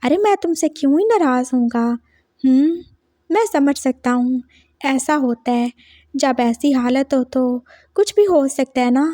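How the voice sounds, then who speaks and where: A woman's voice: high-pitched, unhurried, warm tone, no echo, studio quality. A woman voicing a young male doctor who is doting yet bossy, coaxing and insistent in a fan story.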